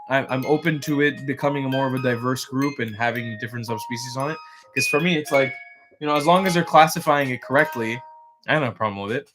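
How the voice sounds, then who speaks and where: A man hosting a casual livestream, chatty and rambling with lots of fillers, tired and yawning. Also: medium pitch. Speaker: livestream host.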